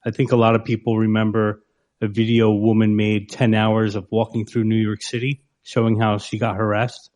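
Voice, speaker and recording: A man from the United States on a discussion panel, speaking in a reflective, relaxed way. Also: lowish voice, moderate pace.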